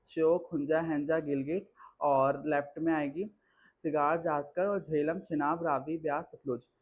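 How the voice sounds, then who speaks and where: Teenage boy reciting a lesson, lo-fi. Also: a little high. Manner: reciting lists from memory with pauses and restarts. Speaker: student presenting a lesson. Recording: dull lo-fi sound.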